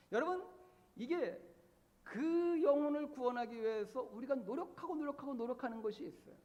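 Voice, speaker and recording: A man's voice: very high-pitched, darkish tone. A man preaching a sermon as pastor, emphatic and repeating key words for stress. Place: church sanctuary. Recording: long church-hall reverb.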